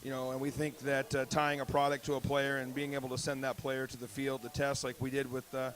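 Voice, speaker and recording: A man's voice: mid-range voice, little pitch movement, fairly quick. Man explaining at length in booth. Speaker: bat company representative. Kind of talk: casual broadcast booth chat.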